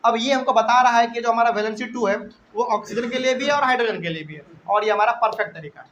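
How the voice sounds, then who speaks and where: A young man teaching chemistry to a class, repeating key terms slowly and often checking in with his students. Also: very high-pitched, a bit bright, muffled recording, slight background noise. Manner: repetitive, drawn-out, checks in with students. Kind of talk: classroom lecture. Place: classroom with live and online students.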